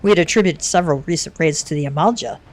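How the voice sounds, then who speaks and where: Woman doing a solemn male captain, earnest, low voice, game dialogue. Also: fast talker. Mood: grave.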